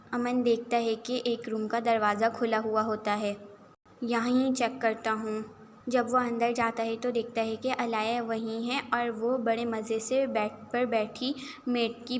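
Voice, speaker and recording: A woman storyteller reading a romance story aloud in a steady, plain way. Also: fairly high pitch, big-room sound, a little hiss or hum.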